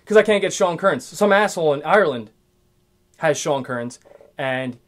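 Young guy in his twenties, solo podcast rant, swears constantly, trips over restarts, voice sits a bit high. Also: animated, normal speed. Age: 20s. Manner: profane, rambling, restarts a lot. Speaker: podcast host.

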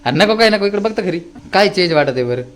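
Loud, teasing young man vlogging. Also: high voice, lively intonation, fast talker, noisy background. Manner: loud, teasing, talks straight to viewers. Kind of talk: casual family vlog.

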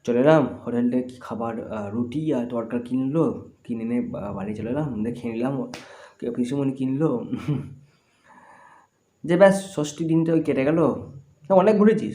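A man from West Bengal talking in a rambling, chatty vlog, his voice hoarse and strained. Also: medium pitch, moderate pace, warm tone. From West Bengal, India. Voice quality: husky, strained voice. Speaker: vlogger. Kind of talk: casual vlog chat.

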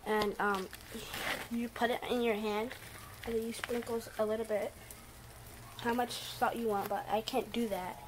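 A teenage girl appears as a guest cook, giving a casual cooking demo in a home kitchen. She is chatty but hesitant and uses fillers, speaking at a moderate pace with long pauses in a fairly high voice with little pitch movement. The handheld phone recording is noisy.

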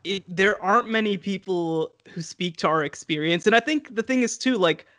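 A man's voice: high-pitched, normal speed, a bit bright, no echo. A young man in casual podcast chat, talking eagerly in long run-on thoughts over a headset on a video call from home. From United States. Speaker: podcast co-host. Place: home room. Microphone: headset mic on video call.

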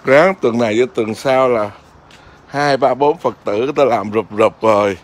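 Give me a chatty monk, a man with a middle-pitched voice, talking casually outdoors in his garden. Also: moderate pace. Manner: chatty, keeps asking "see?". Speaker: Buddhist monk. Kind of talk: casual home vlog.

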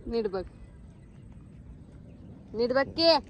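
A woman's voice: a little high, expressive, drawn-out words, a little hiss or hum. A young woman with a rural Marathi accent, chatting as she films her farm vlog outdoors on a handheld phone, calling out to animals and family. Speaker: vlogger.

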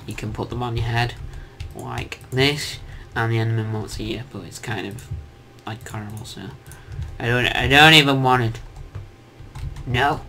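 A man's voice: medium pitch, fairly even intonation, moderate pace, bright, forceful tone. A young man giving casual, jokey commentary on his own gameplay, chatting to himself and his viewers. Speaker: gaming commentator. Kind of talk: casual let's-play commentary.

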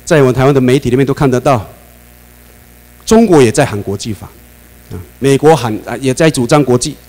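A man with a Taiwanese Mandarin accent giving a classroom lecture, animated, often asking the class questions and laughing. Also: medium pitch, fairly quick, poor audio. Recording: mains hum under the voice.

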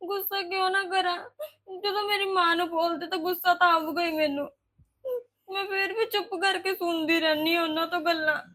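A woman's voice: extremely high pitch, a little fast, sharp tone. A woman playing a tearful, scheming young bride. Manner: complaining, plaintive, scheming asides. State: crying. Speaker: actress in a short film.

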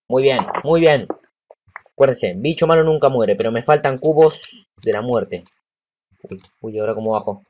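A man with a Rioplatense Spanish accent giving casual let's-play commentary. He is excitable, talks to himself and to the game, and swears when frustrated. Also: mid-range voice, dull audio. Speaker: gameplay commentator.

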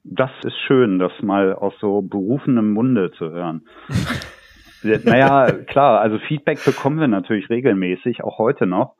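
A man's voice: fairly low pitch, normal speed, dry recording. A man, a game developer being interviewed, telling stories about his work with light laughs now and then. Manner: talkative, recounts anecdotes with light laughs. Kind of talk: interview answers, relaxed storytelling. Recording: dull phone-like line.

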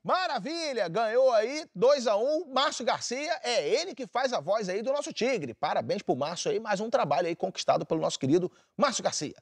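An actor playing a brash Brazilian van driver who hosts a comedy culture show, talking in a pushy, hurried way. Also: male voice, sits high, sing-song, heavily acted. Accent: Brazilian Portuguese. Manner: pushy, rushing, salesman-like. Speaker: show host, alternative transport driver Rogerinho. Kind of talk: scripted comedy sketch hosting.

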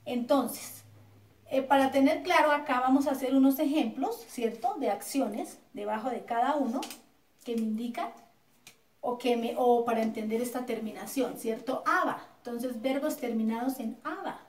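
Recorded in an echoey classroom from a distant mic, a woman teacher with a Colombian Spanish accent teaches grammar at a moderate pace. Her pitch is fairly high, and she patiently repeats words and checks in with her students.

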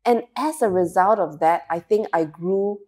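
This woman's voice is mid-range and darkish, moving at a moderate pace. She is in her forties, from Singapore, and sits on a sofa-lined studio set as an interview guest talking about emotional resilience, wearing a lapel mic and speaking candidly, with earnest reflection, fillers, and restarts.

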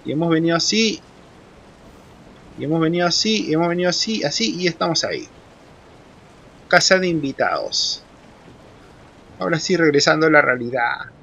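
High, bright swearing male gamer. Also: animated, moderate pace, gravelly, pauses often, dull audio, slight background noise. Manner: swears a lot, shrieks in panic when scared. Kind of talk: horror let's play commentary.

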